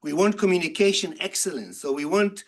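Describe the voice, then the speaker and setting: A man with a somewhat high voice gives a conference talk as a university lecturer. He speaks interactively, posing questions to his listeners and then answering them. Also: animated, a little fast. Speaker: university lecturer in nursing and health informatics. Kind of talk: conference presentation to an audience.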